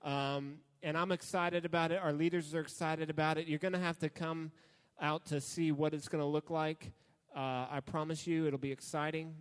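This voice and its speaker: Young male youth pastor, casual sermon, slightly high voice, echoing church hall. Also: smooth. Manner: relaxed, joking asides.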